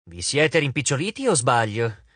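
A man's voice: medium pitch, sing-song, normal speed, fairly bright tone, breathy edge, no echo, pitched below the performer's own voice. A man voicing a vain, lordly male god of wine in an audiobook, drawling and dismissive. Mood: drawling, bored. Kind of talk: audiobook character voice.

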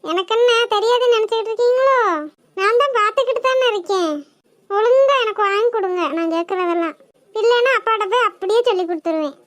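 A woman's voice: extremely high pitch, no room sound. Woman doing a cheeky blackmailing cartoon daughter. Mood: cheeky threatening. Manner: cheeky, threatening, quick. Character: sly teenage daughter blackmailing her mother.

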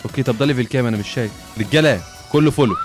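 Man, Egyptian Arabic accent, gaming commentary, rapid and excitable, swears, mixes in English, faint music behind. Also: mid-range voice. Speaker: gamer.

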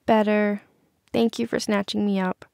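A woman's voice: medium pitch, little pitch movement, moderate pace, gravelly, darkish tone, no echo, clean studio sound, natural voice. A woman voicing a carefree teenage party girl who talks in a breezy, playful way. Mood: woozy.

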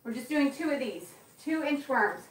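A woman's voice: sits high, lively intonation, moderate pace, a little hiss or hum. A woman fitness instructor coaching a live workout class, encouraging and counting reps aloud, with an occasional cough. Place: gym. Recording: echoey room, mic far off.

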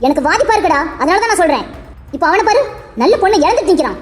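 A woman voicing a sharp-tongued young woman in a cartoon drama, quick and needling in her talk. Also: extremely high pitch, animated, long reverb tail. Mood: accusing.

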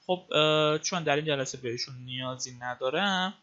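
A man walks viewers through web code in a screencast lesson, his voice bright and forceful, pausing with filler sounds as he explains each step. The audio is muffled and lo-fi, like a desktop mic. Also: medium pitch. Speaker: web design instructor. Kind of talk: screencast coding tutorial.

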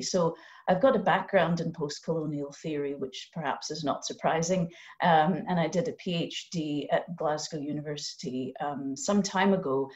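Middle-aged woman, low voice, measured and academic, slightly dull call audio. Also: a little mellow. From Canada. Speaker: poet and lecturer. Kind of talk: online panel talk. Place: home room with lamp. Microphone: video call.

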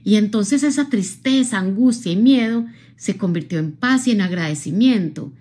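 Woman, from Colombia, motivational speaker, live stream, expressive, talks straight to viewers, mid pitch. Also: normal speed. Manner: expressive, addresses viewers directly, frequent tag questions.

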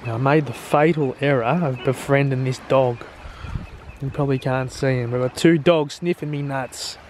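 A man's voice: mid-range voice, fairly even intonation, moderate pace, darkish tone, a little hiss or hum. An Australian man talking casually on a travel vlog, blunt and crude, swearing freely and joking about himself. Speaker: travel vlogger.

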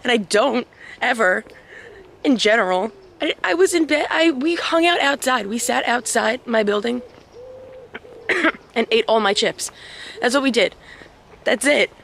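A young woman vlogging in a casual, chatty way, hoarse from a cold and quick to laugh at herself. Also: a little high, lively intonation, a bit bright, a little hiss or hum. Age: young adult. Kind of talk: casual vlog chat to camera.

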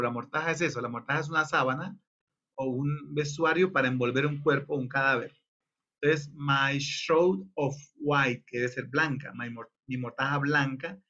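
A man's voice: bright, forceful tone, highs cut off. A man directing a choir rehearsal, explaining the lyrics and singing phrases to demonstrate them. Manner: explains slowly, sings phrases in falsetto-high demonstrations.

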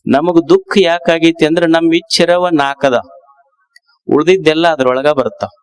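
Slow, emphatic North Karnataka preacher. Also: male voice, on the high side, clean tone. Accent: North Karnataka Kannada. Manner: slow, emphatic, repeating key phrases. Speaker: swamiji preacher. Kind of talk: sermon.

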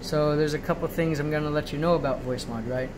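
Recorded as a noisy home phone video with a steady hum, this off-the-cuff screen walkthrough features a man whose voice is on the high side. Indoors at a laptop in a small room, he holds the phone camera on the screen, speaking haltingly with frequent check-ins.

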